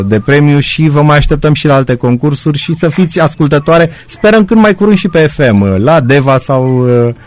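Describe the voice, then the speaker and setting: Male radio host, a bit high-pitched, friendly, teasing, chatty. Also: a little mellow. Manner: friendly, teasing, with many fillers. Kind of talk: radio call-in show.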